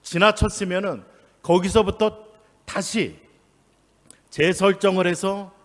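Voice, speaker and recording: A man preaching a New Year sermon as pastor, leading the congregation in prayer and speaking with emphatic, rising phrases. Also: a little high. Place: church sanctuary. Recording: long church-hall reverb.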